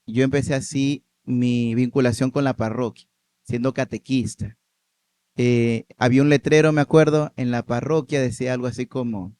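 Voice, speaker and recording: A man, a priest, telling his personal story in a podcast interview, with animated storytelling and light laughs. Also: medium pitch, smooth.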